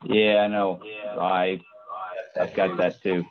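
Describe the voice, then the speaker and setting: A man's voice: deep voice, flat delivery, slow pace, a crowd in the background. A man heard over a phone line, dialed into an online meeting, hesitantly checking that his audio works. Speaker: meeting participant dialing in. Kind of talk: casual remarks in an online public meeting. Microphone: phone dialed into a video call.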